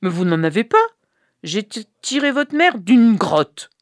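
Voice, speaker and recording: A woman's voice: medium pitch, big pitch swings, a little slow, no room sound, clean studio sound, pitched above the performer's own voice. A woman voicing a puzzled prince, the children's father.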